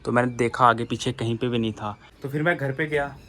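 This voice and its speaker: A man's voice: medium pitch, steady tone, a little fast, bright, forceful tone. Young man chatting casually to viewers. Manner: chatty, addresses viewers as friends. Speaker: vlogger keeping birds and rabbits. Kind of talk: casual vlog narration. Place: outdoor rooftop bird enclosure.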